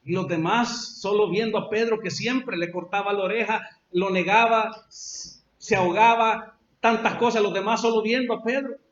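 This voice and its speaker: Recorded in an echoey, dull, lo-fi church setting, a Salvadoran-accented male pastor delivers a sermon with emphasis, stretching out repeated phrases as he tells the story. His voice is high and a bit bright, with a steady tone at a moderate pace.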